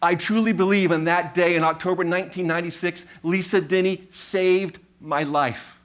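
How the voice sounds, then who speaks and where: A man in his fifties gives a stage talk about his personal experience, repeating sounds and words because of a stutter. His high voice stays steady in tone as he presses each idea through measured, emphatic repetition.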